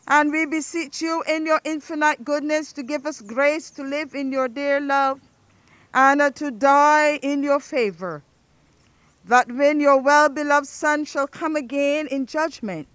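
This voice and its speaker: Woman officiant at an outdoor graveside; high-pitched, unhurried, solemn recitation of burial prayers. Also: a bit bright, no room sound. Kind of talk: reading a funeral liturgy.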